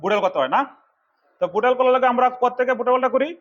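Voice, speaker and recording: Fast-talking, scolding Bangladeshi instructor. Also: male voice, extremely high pitch, a bit bright, muffled recording. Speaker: computer course instructor. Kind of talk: classroom lecture.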